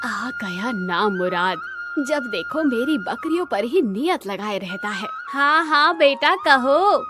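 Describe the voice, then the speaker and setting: A woman's voice: high voice, very animated, slow pace, music in the background, full character voice. Woman playing a stubborn old grandmother. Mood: stern. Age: older. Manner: scolding, pleading. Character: old grandmother goat keeper, loving, stubborn. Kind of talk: cartoon voice acting.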